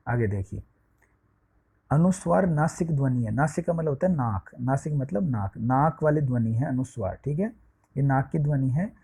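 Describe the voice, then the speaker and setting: Man teaching sanskrit letters, dark husky voice, keeps saying okay, look here. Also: a little high. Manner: explains step by step, spelling out letters one at a time; often checks with "ठीक है" and "देखिए". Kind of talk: classroom lesson for eighth-grade students.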